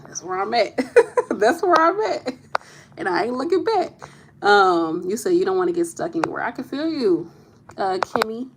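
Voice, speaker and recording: A woman's voice: mid-range voice, slight background noise. A woman in her thirties, a nurse hosting a casual live chat with viewers, talking candidly and laughing easily. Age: 30s. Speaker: nurse and channel host.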